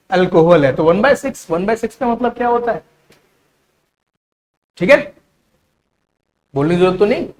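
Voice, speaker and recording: A man's voice: high-pitched, darkish tone, poor audio. A man teaching an exam-prep maths lesson, patient and step by step, often checking in with the students. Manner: patient, explains step by step with frequent "theek hai".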